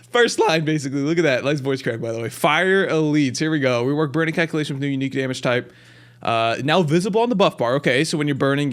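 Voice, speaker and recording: A man hosting a gaming video, casually reading patch notes aloud with excited, wry running commentary from a close desk mic. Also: medium pitch.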